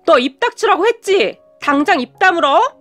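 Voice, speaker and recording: A woman's voice: extremely high pitch, big pitch swings, moderate pace, a bit bright, faint music behind, pitched above the performer's own voice, exaggerated voice. A woman voicing a spoiled, combative grown sister-in-law who whines and screeches. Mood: shrieking. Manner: screeching, whining.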